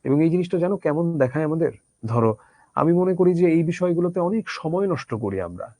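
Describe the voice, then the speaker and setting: A man's voice: on the high side, animated, fairly quick, dark tone, no room sound. A man teaching a literature lesson conversationally, asking his students rhetorical questions. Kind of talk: Bangla literature lecture.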